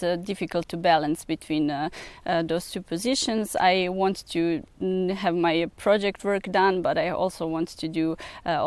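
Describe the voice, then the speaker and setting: A young woman with a Serbian accent talks about her research work, often pausing with filler sounds as she searches for words. Her voice sits a little low and sounds smooth and clear, recorded close and dry with no room around it. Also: no echo. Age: young adult. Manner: hesitant, many filler sounds. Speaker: researcher and PhD student. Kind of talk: recruitment video interview.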